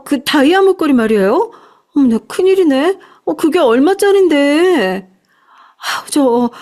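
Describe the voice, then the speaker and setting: A woman's voice: on the high side, a little mellow. A woman voicing a fussing, flustered middle-aged housekeeper in a radio story.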